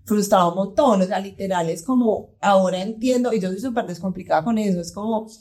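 A woman from Colombia with a Paisa accent, in her thirties, chatting casually as a podcast guest and lively acting out quotes. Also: mid-range voice, fairly quick. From Colombia, Pereira. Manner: animated, acts out her child's voice in quotes. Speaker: guest, mother and entrepreneur. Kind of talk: casual conversational chat.

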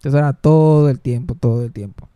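A man, a comedian on a podcast telling funny family stories in a casual, animated way. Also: mid-range voice, fairly quick, clear, resonant tone, dry recording. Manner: animated, switching into voices, mixing in English. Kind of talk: casual chat, comic storytelling.

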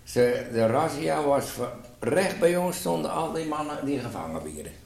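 A man's voice: on the high side, expressive, moderate pace, vocal fry, darkish tone. An elderly man, casually reminiscing in conversation on an old home tape. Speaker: interviewee recalling wartime memories. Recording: roomy, faintly noisy home tape.

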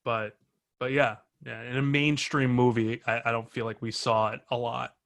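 A man's voice: mid-range voice, level tone, vocal fry, fairly bright tone. Laid-back male podcast co-host trading takes on a film. He swears freely, laughs easily and stumbles through restarts as he talks. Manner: profane, laughs often, halting restarts. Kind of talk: casual movie review chat.

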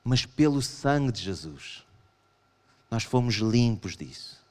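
A man with a European Portuguese accent preaching a sermon to a congregation, animated and acting out his listeners' objections. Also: slow. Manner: animated, acts out voices of the congregation in raised pitch. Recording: long hall reverb.

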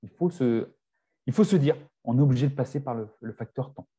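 This podcast guest, a fitness coach in his forties, has a medium-pitched, warm, slightly rough voice and a brisk pace. In the relaxed conversation he keeps stumbling, restarting sentences and filling gaps with hesitations.

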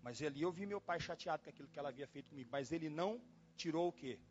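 A pastor preaching in a church, telling a personal story in a dramatic way, exclaiming and repeating himself. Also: male voice, on the high side, expressive, very fast. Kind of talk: storytelling sermon. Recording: dull lo-fi sound with faint music.

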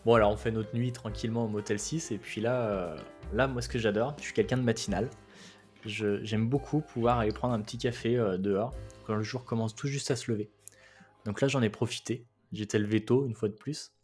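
A man from France casually recounting a road trip, chatty and relaxed, with frequent hesitations. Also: fairly low pitch, brisk, soft background music. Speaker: travel guest. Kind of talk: casual travel storytelling.

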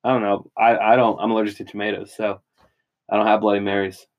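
A man's voice: on the low side, level tone, fast, muffled recording. A young man co-hosting a podcast in casual chat, rambling through tips he reads aloud, with lots of filler words. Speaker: podcast co-host.

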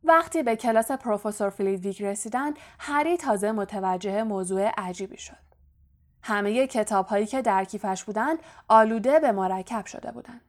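A woman narrating a children's fantasy audiobook in an even, measured reading. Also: mid-range voice. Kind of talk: scripted story narration.

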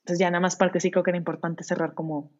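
A woman, a guest on an interview podcast, talking in an animated way and acting out parent-child dialogues. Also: on the low side, racing. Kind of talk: conversational interview. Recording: dull lo-fi sound.

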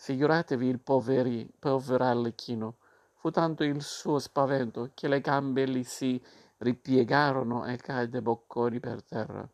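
A man reading a classic children's tale aloud with a measured storytelling cadence. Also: medium pitch, fairly even intonation, a little mellow. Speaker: narrator.

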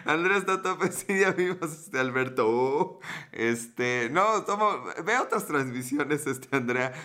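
A man in his thirties with a Mexican Spanish accent hosts a relaxed livestream. He tells a personal story while reading and teasing viewers' comments. He keeps a playful, joking, chatty tone. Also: fairly high pitch, measured pace. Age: 30s. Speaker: livestream host.

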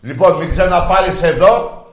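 A man co-hosting a sports call-in show, shouting insults at callers in rough banter. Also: sits high, roomy sound, faint music behind. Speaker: radio sports show co-host. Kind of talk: casual heated call-in banter.

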